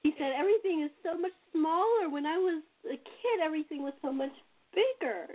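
An animated American woman from Los Angeles, with a high voice and a normal pace, hosts a casual chat. She's a host and playwright who rambles and repeats herself, and the audio sounds tinny, like a phone line.

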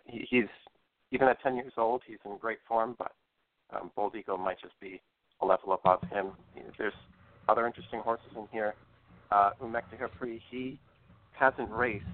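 A man's low voice on a thin, dry phone line, giving live racing analysis as an expert guest. He talks in a measured, hesitant way, weighing things as he goes. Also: no echo. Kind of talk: live radio-style racing analysis interview.

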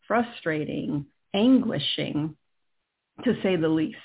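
Through a narrow, phone-like sound comes a woman's slightly low voice with a touch of huskiness. She narrates a guided meditation in a soothing, measured manner. Her phrases are spaced out with long pauses. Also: breathy edge. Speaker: guided healing session host.

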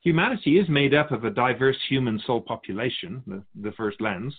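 Husky and mid-range, with phone-quality sound, a man plays a wise, wry otherworldly keeper of souls in scripted dialogue. His delivery is measured, teasing and instructive, fond of rhetorical questions.

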